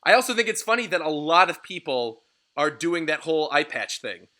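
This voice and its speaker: A man's voice: fairly high pitch, very animated, brisk, bright, forceful tone. A man in his late twenties hosting a casual livestream chat, upbeat and laughing often as he reads out viewer entries. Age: 20s. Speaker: host.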